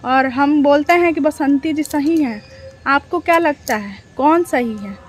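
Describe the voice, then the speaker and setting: A woman's voice: high-pitched, measured pace, faint music behind. A woman reaction vlogger, chatting casually to her viewers, full of rhetorical questions and repeated phrases.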